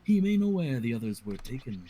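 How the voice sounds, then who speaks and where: A man voicing a stern male quest-giver in a game with a low, gravelly, solemn delivery. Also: sing-song, brisk, warm tone, low-quality recording. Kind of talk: reading game dialogue aloud.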